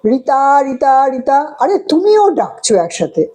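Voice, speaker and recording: This is a fussing husband, scolding and nagging about a missed pill, as a woman puts him on. The voice stays close to her own, a little high and mellow, in a home-made role-play skit. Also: big pitch swings, normal speed, rough recording.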